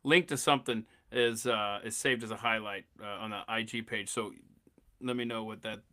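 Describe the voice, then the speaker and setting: Casting: male podcast host, forties, bright forceful tone, excitable and stammering. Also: lowish voice, moderate pace. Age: 40s. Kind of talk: casual chat.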